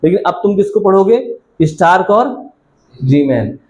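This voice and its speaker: A man's voice: sits high, sing-song, unhurried, a little mellow. A male science teacher giving a classroom lecture, repeatedly asking students questions and answering them himself, calling them child affectionately.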